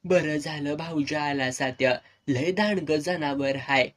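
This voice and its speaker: A man's voice: on the high side, a little slow. A man voicing an anxious, scolding village aunt, in a serialized audio novel.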